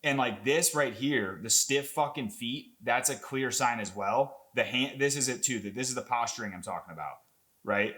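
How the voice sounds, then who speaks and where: A young man talking casually and excitably as he breaks down a fight clip, rambling with lots of fillers and swearing. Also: mid-range voice, normal speed. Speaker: MMA content creator.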